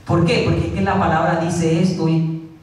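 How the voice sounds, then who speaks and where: A man's voice: fairly high pitch, little pitch movement, moderate pace, a little mellow, heavy reverb, recorded from a distance, poor audio. A man preaching a sermon as pastor, repeating key lines and acting out quotes. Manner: preaching with repetition and acted-out quotes. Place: church.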